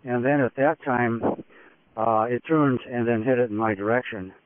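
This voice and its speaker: A man giving an unscripted first-person expedition report, telling it in a halting, matter-of-fact way in short phrases. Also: medium pitch, dry recording. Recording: dull radio-like phone link, dry.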